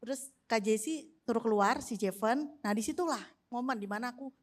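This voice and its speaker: An Indonesian woman in her thirties, telling a family story as testimony in front of a church. Her voice sits fairly high, and she is animated, laughs easily and acts out the quoted lines. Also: normal speed. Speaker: church speaker sharing testimony. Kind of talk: casual testimony in a church service.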